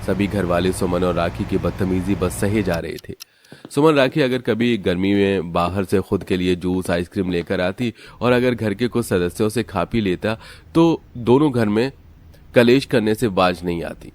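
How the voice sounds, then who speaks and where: A man narrating a cartoon story in a steady, matter-of-fact way. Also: sits low, normal speed.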